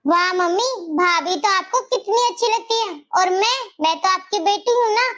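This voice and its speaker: A woman's voice: very high voice, normal speed, fairly bright tone. A woman voicing a spoiled, bossy young married daughter in a cartoon story. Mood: complaining. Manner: complaining, bossy.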